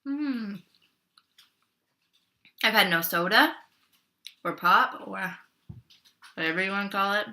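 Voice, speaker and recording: A young woman chats on camera at home while she eats, talking between bites and sometimes with her mouth full. Her voice is very bright and sharp, and she takes her time, speaking at an unhurried pace. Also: mid-range voice, animated. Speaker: vlogger. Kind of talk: casual mukbang eating chat.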